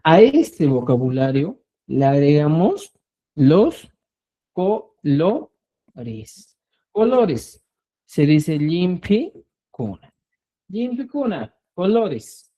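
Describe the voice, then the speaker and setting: Man, slow teacher, lively rising and falling pitch, mellow tone, keeps checking in. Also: highs cut off. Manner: patient, repeats words, checks in with "¿ya?". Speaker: Quechua language teacher. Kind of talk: online language lesson.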